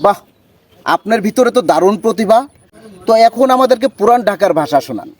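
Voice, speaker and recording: A man's voice: high-pitched, expressive, fairly quick. A man interviewing in formal standard Bengali, speaking as a presenter and praising his guest. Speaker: interviewer, journalist.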